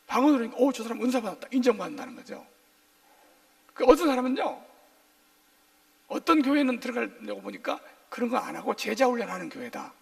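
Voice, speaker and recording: A male pastor preaching a sermon in a lively, joking way, firing questions at his congregation for call-and-response. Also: very high-pitched, gravelly, recorded from a distance. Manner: jokey, playful asides.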